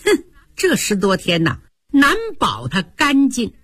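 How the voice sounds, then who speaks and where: A woman voicing a quick-witted young maidservant, pert and sharp-tongued in a storytelling broadcast. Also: medium pitch, huge pitch swings, slightly rough, dry recording, studio quality, full character voice. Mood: sly.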